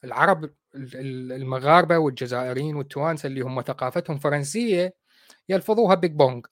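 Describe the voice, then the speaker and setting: A livestream host with an Iraqi accent rebuts clips in a sarcastic, mocking way, talking fast in a mid-range, fairly bright voice. The studio-quality audio has no room sound.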